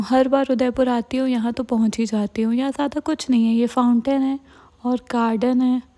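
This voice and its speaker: A young woman narrates a travel vlog in a clean voice-over. Her high, mellow voice stays dry and wry as she recounts the trip. The delivery is relaxed and close to the mic. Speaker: vlogger.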